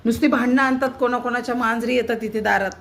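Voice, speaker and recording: A woman's voice: on the high side, steady tone, quick pace. Woman, home vlogger, scolding and coaxing her cats in the kitchen. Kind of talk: casual scolding talk to pet cats. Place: home kitchen, chopping vegetables at a table.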